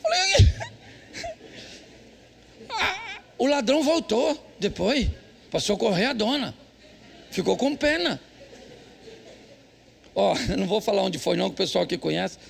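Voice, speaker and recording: A man's voice: sits high, lively intonation, normal speed, gravelly, long pauses, a little hiss or hum. A man with a Brazilian Portuguese accent preaching a humorous sermon in church, telling stories and teasing husbands bluntly. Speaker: pastor. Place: church service.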